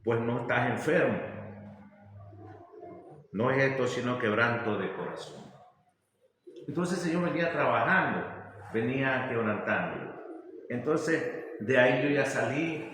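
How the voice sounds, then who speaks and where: A man's voice: mid-range voice, a bit bright, slight background noise. Ecuadorian man giving a faith testimony in an echoey hall. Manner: halting, emotional, with frequent restarts. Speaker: church member giving testimony.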